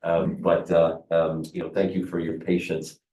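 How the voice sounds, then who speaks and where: A man's voice: low-pitched, monotone, normal speed, dark tone. A man with the sniffles, speaking through a face mask as he hosts and gives a hesitant, semi-formal introduction speech at a seminar. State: sniffly with a cold. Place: seminar room with a seated audience. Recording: echoey room, distant microphone.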